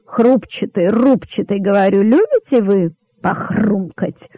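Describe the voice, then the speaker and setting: A man's voice: high-pitched, expressive, moderate pace, no echo. A man voicing a crafty, pompous elderly rabbit king who makes sly, stately speeches, in a storybook reading. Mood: sly, grandiose. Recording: dull lo-fi dry recording.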